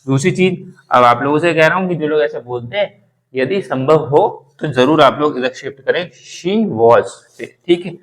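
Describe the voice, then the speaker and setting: A man teaching a spoken English lesson, slowly repeating example sentences word by word. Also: on the high side, low-quality recording.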